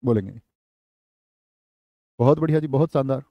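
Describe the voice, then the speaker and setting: A young man teaching an online exam-prep class, repeating phrases slowly for students to write down and calling on them by name. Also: medium pitch, dry recording, lo-fi sound. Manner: slow, repeats phrases for dictation, addresses students.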